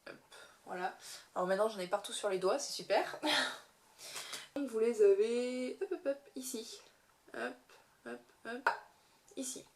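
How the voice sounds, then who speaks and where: A woman's voice: a little high, measured pace, pauses often. A young woman chatting casually about beauty products she bought, giggling often and filling her sentences with hesitations and restarts. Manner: chatty, giggly, many fillers and self-corrections. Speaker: beauty vlogger. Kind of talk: casual haul video chat.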